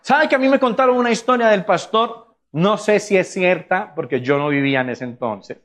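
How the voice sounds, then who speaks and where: A pastor preaching in a church with a high, ringing voice. He is emphatic and lively, often slipping into mimicry of the excuses people give. It is a man's sermon, delivered in earnest. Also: moderate pace. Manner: emphatic, acts out congregants' excuses in funny voices. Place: church sanctuary.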